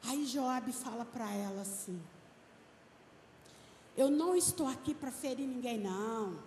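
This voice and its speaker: A woman pastor giving an emphatic sermon, stretching out key words slowly. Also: on the high side, expressive, darkish tone, slight background noise. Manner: emphatic preaching, slow and drawn-out stresses. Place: church. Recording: echoey hall with long reverb, faint ambience.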